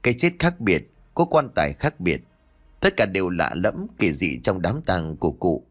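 A man narrating a ghost story dramatically. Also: normal speed. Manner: dramatic, with lively pitch swings.

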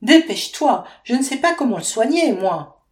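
A woman's voice: fairly high pitch, very animated, moderate pace, voice pushed up. A woman voicing a young mother in her twenties who is panicking over her sick baby, with urgent, pleading outbursts. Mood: panicked. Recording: roomy echo.

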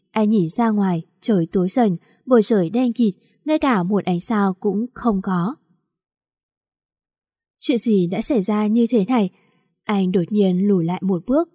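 A woman narrating a melodramatic story in an even, unhurried reading. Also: medium pitch, no echo, studio quality.

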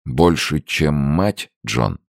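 A man's voice: extremely low pitch, very slow, vocal fry, no room sound, clean studio sound, voice pushed up, heavily acted. A man playing a weary old father. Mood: grave. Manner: tired, solemn.

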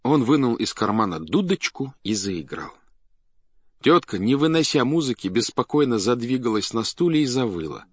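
Guy reading a story aloud, pitch all over the place, dry muffled audiobook sound. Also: normal speed, breathy edge, no room sound. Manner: lively, theatrical storytelling. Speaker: audiobook narrator. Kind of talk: expressive literary reading. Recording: dull dry studio recording.

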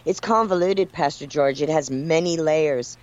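A man's voice: on the high side, unhurried, a little mellow, dull audio. A man co-hosting a casual talk show, mostly chiming in to agree with the host. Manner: agreeable, chimes in briefly.

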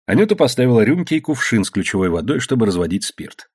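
A man's voice: medium pitch, big pitch swings, quick pace, darkish tone, slightly rough. A man narrating an audiobook in a dramatic storytelling manner.

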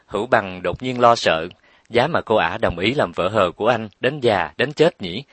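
A man narrating a romance story with steady, expressive storytelling. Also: fairly low pitch, normal speed, slightly rough, no room sound. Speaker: audiobook narrator.

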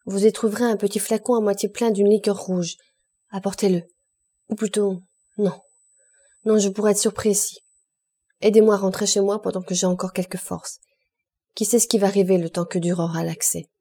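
A woman gives voice to an old priest seized by illness, his words pressing and quiet in this storybook reading. He gives urgent instructions while his strength fades. The tone stays mellow and warm. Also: medium pitch, flat delivery, brisk, long pauses, husky. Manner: urgent, pleading, fading. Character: old male priest prisoner, stricken, urgent.

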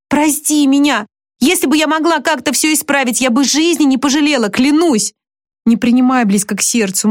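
Impulsive frank young heroine, high earnest pleading, read by a woman, dry close sound. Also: dry recording, lightly acted.

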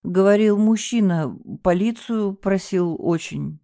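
A woman's voice: mid-range voice, a little slow, mellow, pitched above the performer's own voice, lightly acted. A woman voicing a flustered, scatterbrained young female hotel receptionist who babbles and whimpers in fright. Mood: flustered, whimpering.

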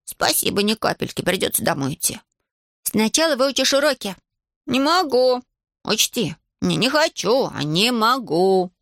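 A woman's voice: on the high side, big pitch swings, normal speed, a bit bright, no echo, studio quality, voice pushed up. A woman voicing a lazy, cunning schoolboy who whines, wheedles and fakes weakness in an audiobook. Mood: stubborn. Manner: whiny, wheedling, feigns weakness. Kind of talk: audiobook character voice.

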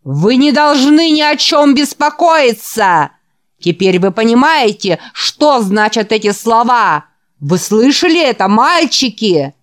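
A woman reading an audiobook voices a frenzied male evangelist preacher, raised and loud, driving a call-and-response sermon. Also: fairly high pitch, lively intonation, takes it slowly, voice pushed up. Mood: fervent. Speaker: preacher at a youth revival.

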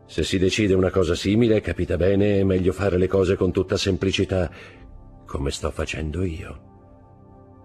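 A man's voice: sits low, vocal fry, breathy edge, exaggerated voice. A man reading aloud voices a sly, scheming male accountant who insinuates and plays innocent.

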